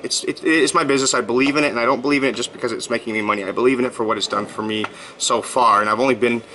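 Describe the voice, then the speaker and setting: Man, 30s, bright forceful voice, rambling upbeat vlog talk, faint background noise. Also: medium pitch, low-quality recording. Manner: rambling, upbeat, many fillers and restarts. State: just finished a workout. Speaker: blogger. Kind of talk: casual vlog monologue.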